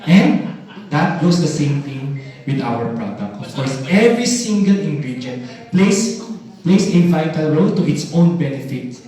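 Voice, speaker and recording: A young man giving a stage product presentation, animated and calling for replies from the audience. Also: fairly high pitch, unhurried. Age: young adult. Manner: animated, audience call-and-response. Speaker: business development presenter. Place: large hall, heard from the mic at a distance. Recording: echoey hall from far off.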